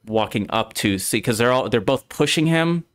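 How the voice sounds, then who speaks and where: A man's voice: medium pitch, expressive, normal speed. A man talking through a game's ending in a casual discussion, thinking aloud and often restarting his sentences. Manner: thoughtful, restarts mid-sentence while reasoning aloud. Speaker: streamer and co-host.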